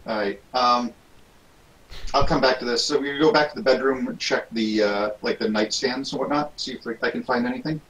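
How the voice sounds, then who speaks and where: A man's voice: mid-range voice, fairly even intonation, brisk, fairly bright tone, low-quality recording. Hesitant male player. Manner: hesitant, stammering. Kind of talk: playing a tabletop game.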